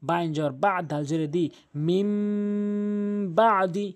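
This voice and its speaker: A man's voice: high voice, slow. A man teaching the rules of Quran recitation, patiently repeating each rule, spelling out letters and drawing out the recited words. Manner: drawls the recited Arabic words. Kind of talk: tajweed lesson over a screen drawing.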